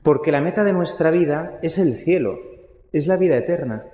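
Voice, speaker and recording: A man's voice: fairly high pitch, expressive, moderate pace, roomy sound, long reverb tail, lo-fi sound. A young adult man, a priest, giving a homily in a conversational way and putting questions to his listeners. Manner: conversational, asks the congregation questions.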